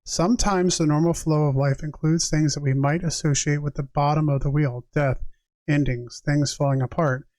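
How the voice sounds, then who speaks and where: A tarot reader who streams live speaks in a moderately high male voice with a steady tone, a normal pace, and a slightly mellow quality. He alternates between reading passages aloud and casual, reflective chat aimed directly at his viewers. The recording is very dry, with no room sound or echo.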